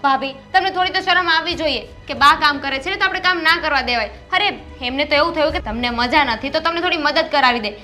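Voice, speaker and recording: A woman's voice: high voice, fast talker, few pauses, faint music behind. A woman playing a bossy, quarrelsome sister-in-law. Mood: angry. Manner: scolding, sharp and demanding. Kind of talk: family drama acting.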